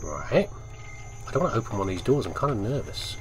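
Talking fast in a lowish voice that swings widely in pitch, a British man narrates his let's play in a casual, chatty way. He mutters playful asides as he thinks aloud, over video game ambience and slight background noise.

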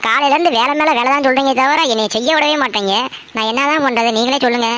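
A cheeky young daughter-in-law, played by a woman in a homemade cartoon, talks back in a high voice and argues at length. She pads everything with whiny excuses and a defiant edge. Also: fast talker, fairly bright tone.

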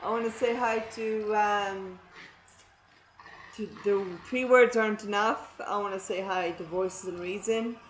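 A woman in her thirties, hyper and giggly, gushing through a casual shoutout vlog. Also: medium pitch, fairly even intonation, measured pace. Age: 30s. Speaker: YouTube vlogger. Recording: roomy echo with faint noise.

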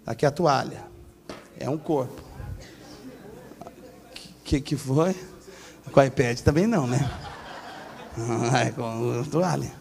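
A male pastor preaching a sermon in church, telling a story with animated shifts of voice. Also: takes it slowly, vocal fry, long pauses. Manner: animated storytelling, acting out voices with big pitch swings.

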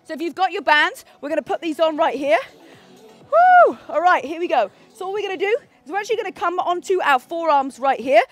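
High-pitched female aerobics instructor, music behind. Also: fast, few pauses. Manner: energetic aerobics-instructor cueing, counting down and urging on. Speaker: fitness instructor leading a live home workout. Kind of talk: workout class instruction. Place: outdoors on a backyard pool deck. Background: workout music.

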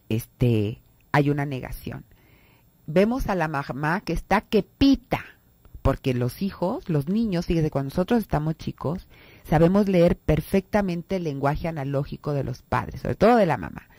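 Lively Mexican woman with a low voice. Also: no room sound. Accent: Mexican Spanish. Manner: lively, acts out quoted people in raised voices. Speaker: radio host and therapist. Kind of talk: radio talk on family psychology.

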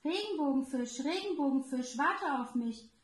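A woman's voice: high-pitched, lively intonation, moderate pace. A woman voicing a small, timid young male fish in a children's storybook reading, pleading and eager. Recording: roomy echo.

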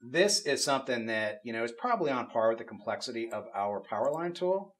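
A middle-aged man casually walking through a software tool demo in an office, explaining as he goes with frequent fillers. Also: medium pitch, lively intonation, fairly quick. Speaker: game studio technical artist demonstrating tools. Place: office at a desk with monitors.

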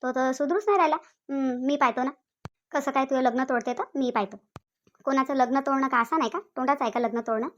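A woman's voice: high-pitched, muffled recording, lightly acted. Woman doing a bossy old village aunt. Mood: reassuring. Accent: Vidarbha Marathi. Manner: scolding, reassuring, drawn-out rural chatter. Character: bossy elderly village aunt, protective and fussy. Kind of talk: cartoon voice acting.

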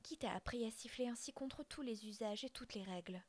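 A woman's voice: fairly high pitch, fairly quick, natural voice. A woman voicing an outraged, proud old male blackbird father in a whispered role-play, scolding with indignation.

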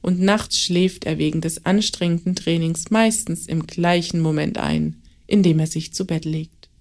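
Calm woman reading a story. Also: on the low side, measured pace. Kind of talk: scripted children's story narration.

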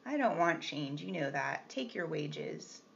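A woman reading the part of a brusque, teasing gentleman employer with a gruff, commanding manner. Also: fairly high pitch, big pitch swings, measured pace, heavily acted. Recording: slightly muffled with faint hiss.

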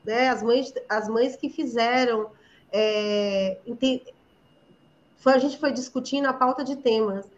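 A woman's voice: a little high, fairly even intonation, slow, a little hiss or hum. A woman hosting a live interview, chatty and asking long rambling questions, recorded with dull lo-fi live-stream audio.

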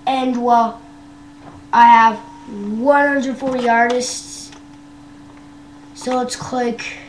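A woman's voice: a little high, little pitch movement, drawn-out words. A young woman from Canada giving a casual vlog tour of her device, hesitant and full of ums and wells. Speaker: vlogger. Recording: roomy echo with faint hum.

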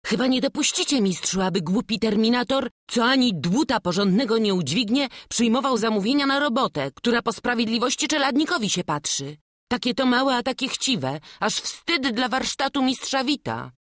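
A woman's voice: fairly high pitch, expressive, moderate pace, fairly bright tone, no echo, studio quality, pitched above the performer's own voice. A woman reading an audiobook, voicing a jealous, sneering young journeyman with archaic speech. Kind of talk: audiobook character voice.

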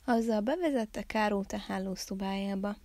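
Woman, library storyteller, children's story read aloud, calm, unhurried, mellow, dry. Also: mid-range voice, dry recording.

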